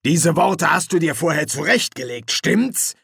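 A man's voice: on the high side, big pitch swings, measured pace, creaky, fairly bright tone, slightly rough, no echo, studio quality, voice pushed up, exaggerated voice. A man voicing a bumbling, portly middle-aged army sergeant in an audiobook, with a raised, blustering voice. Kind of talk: audiobook character voice.

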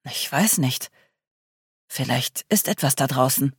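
A woman reading the part of a calm, guarded man leading a group, speaking tersely and evasively. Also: extremely low pitch, measured pace, slightly rough, no echo, studio quality, exaggerated voice. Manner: terse, composed, ominous.

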